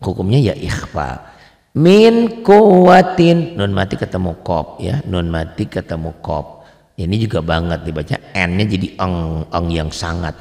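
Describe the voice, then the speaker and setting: A man teaching the rules of Quran recitation in a casual lesson, asking and answering his own questions and stretching out example words in a slow chant. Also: sits low, gravelly, long reverb tail. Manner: drops into slow drawn-out chanting on example words, quizzes himself aloud.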